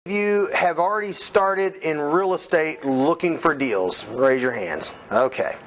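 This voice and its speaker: A middle-aged man leading a live real estate seminar, energetic and coaching the room with questions to the audience. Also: on the high side, a little slow.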